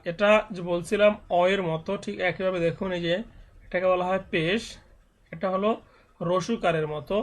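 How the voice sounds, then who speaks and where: Patient male teacher, Bangladeshi accent, monotone letter drills. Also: high-pitched. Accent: Bangladeshi Bengali. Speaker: Quran reading teacher. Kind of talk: slow spoken lesson.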